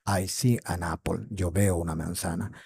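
A man teaches English to beginners. He speaks slowly and repeats each word several times. His voice is low, mellow and a little husky, recorded close and dry. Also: fairly even intonation, no room sound. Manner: slow, repeats words for drilling. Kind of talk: online English lesson.

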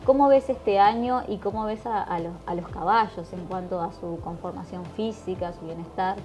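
A woman hosting, asking a guest interview questions at an indoor stand on a handheld mic, encouraging and quick to agree. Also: medium pitch, music in the background. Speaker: interviewer and host.

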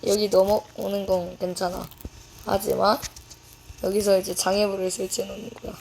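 A woman's voice: mid-range voice, level tone, moderate pace, gravelly, darkish tone, a little hiss or hum. A woman giving casual, playful commentary to herself while playing a video game. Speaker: gaming YouTuber.

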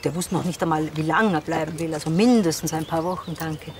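A woman's voice: low voice, fairly quick, close to an everyday voice. An actress playing a chatty, nosy middle-aged countrywoman in a film drama. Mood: nosy, determined. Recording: noisy outdoor ambience.

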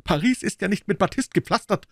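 A man reading aloud puts on a proud young musketeer, disdainful and icy behind his polite words. The voice rides well above the reader's own and swings high and low, heard close and dry. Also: expressive, fairly quick, gravelly, fairly bright tone, slightly rough, dry recording, heavily acted. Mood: haughty. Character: young male musketeer, cold and haughty. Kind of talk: audiobook character voice.

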